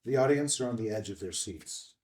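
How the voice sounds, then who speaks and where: Reading stage directions as narrator at a filmed table read, this man has a lowish, expressive, darkish voice and a fairly quick delivery. The indoor room is captured through a slightly distant microphone.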